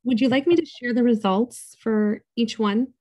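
A woman running the polls in an online meeting, speaking in a calm, matter-of-fact way over a video call. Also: fairly high pitch, moderate pace.

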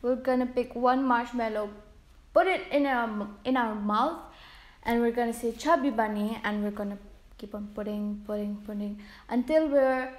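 High-voiced young woman hosting a video. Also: moderate pace. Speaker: video host. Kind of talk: casual presenting to camera. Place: indoor living room, on a sofa. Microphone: distant camera microphone. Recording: echoey room.

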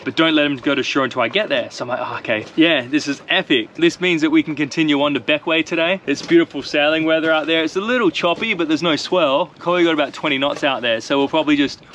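A man's voice: on the high side, a little hiss or hum. Chatty young man vlogging on a sailboat. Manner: relaxed, chatty, excitable. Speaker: sailing vlogger. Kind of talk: casual vlog talk to camera. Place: outdoors on a sailboat deck. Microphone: handheld action camera at arm's length.

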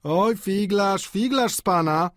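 A man's voice: on the high side, expressive, normal speed, dry recording, studio quality, voice pushed up. A man reading aloud voices a mocking, boisterous young painter with a raised, jeering delivery. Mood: teasing.

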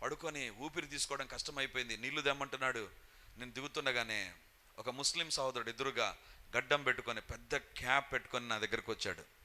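Bright-voiced preacher telling a story. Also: male voice, mid-range voice, fast. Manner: storytelling, acts out shouted quotes. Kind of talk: sermon testimony.

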